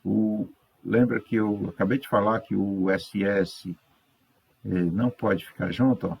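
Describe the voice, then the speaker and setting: Slow, gravelly-voiced Brazilian male teacher. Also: on the low side, fairly even intonation, darkish tone. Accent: Brazilian Portuguese. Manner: patient, checks in with "né?" and "ok?"; slow, stretches out words syllable by syllable. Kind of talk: correcting third-grade exercises.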